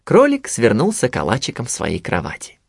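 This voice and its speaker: A man reading a children's storybook aloud in an expressive, lilting way. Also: mid-range voice, moderate pace, gravelly, dry recording, clean studio sound. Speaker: narrator.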